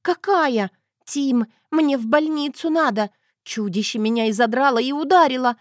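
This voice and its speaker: A woman voicing a frightened, whiny and quick-tempered young wife in an audiobook, with high tearful complaints. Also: no echo, clean studio sound, close to an everyday voice. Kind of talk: audiobook character voice.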